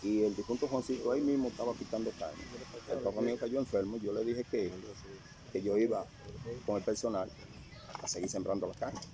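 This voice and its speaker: An older man recounting a personal testimony in casual storytelling, halting and repeating phrases as he remembers. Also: on the low side, steady tone, background noise. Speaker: interviewee sharing a testimony.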